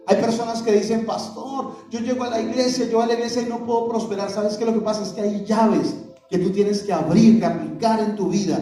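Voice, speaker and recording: A man's voice: high voice, warm tone. A man preaching a sermon as pastor, asking the congregation questions and having them answer back. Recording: echoey hall, voice from far off, music behind.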